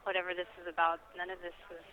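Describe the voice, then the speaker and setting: A woman's voice: lowish voice, monotone, rapid-fire, bright, forceful tone, a little hiss or hum. A woman who works as a store manager, heard over the phone, talking in a polite and puzzled way and asking questions. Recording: muffled phone line.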